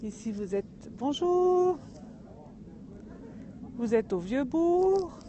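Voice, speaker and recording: Woman, slow pace, mellow voice, chatty, greeting viewers, outdoor vlog, faint open-air ambience. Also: high-pitched, animated, lo-fi sound, a little hiss or hum. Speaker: vlogger and storyteller. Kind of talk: live outdoor vlog with story reading. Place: outdoors in a mountain village. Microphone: phone or camera.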